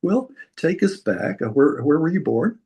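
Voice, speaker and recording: A man's voice: a little high, very animated, moderate pace, creaky, warm tone, breathy edge. A man hosting an interview show, reading an intro and asking questions with frequent laughs. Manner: friendly, laughs often, read intro.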